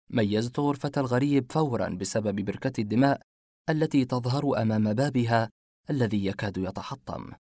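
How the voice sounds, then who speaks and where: A man reads a dark mystery story aloud in a measured, suspense-building way. His voice sits in an ordinary middle register and is recorded close and dry, with no room sound. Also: mid-range voice, dry recording. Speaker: narrator. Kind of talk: scripted horror story narration.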